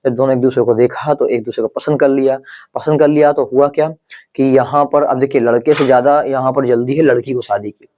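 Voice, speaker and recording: A man teaching a chemistry exam-prep lesson, checking in with "clear?" after each point and slowing right down to spell out memory tricks syllable by syllable. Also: mid-range voice, fairly even intonation, warm tone, slight background noise.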